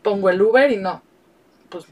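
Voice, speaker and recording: Brief: middle-aged Mexican woman guest, candid and animated, sits back from the mic. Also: mid-range voice, moderate pace, dull audio. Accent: Mexican Spanish. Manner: animated, frank, laughs often. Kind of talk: candid storytelling. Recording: voice distant from the mic.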